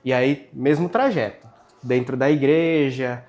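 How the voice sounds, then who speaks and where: Brazilian school podcast host, mid-pitched, affirming and building on the guest. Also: unhurried, darkish tone, muffled recording, soft background music. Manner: agreeable, adds to guest's points. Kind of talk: casual school podcast interview.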